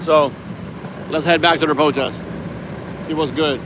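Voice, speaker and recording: A man's voice: a little high, fairly even intonation, measured pace, very noisy. A tired man in his forties, from Iran, vlogging casually outdoors on a city street as an activist, rambling and laughing often. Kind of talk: casual vlog to camera.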